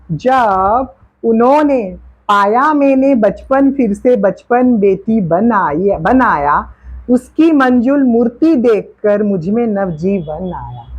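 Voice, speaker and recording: Woman teacher, slow repetitive explanation, husky voice, dull lo-fi recording. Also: on the high side. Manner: slow, repeats words and meanings, addresses students. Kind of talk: Hindi poetry lesson explaining lines.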